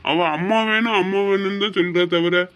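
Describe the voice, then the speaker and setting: Brief: man playing tired young dad, high bright voice, earnest. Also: steady tone, a little fast, smooth, lo-fi sound. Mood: exasperated. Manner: soft coaxing, then exasperated. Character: weary young widowed father. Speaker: father of the child. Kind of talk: home drama acting.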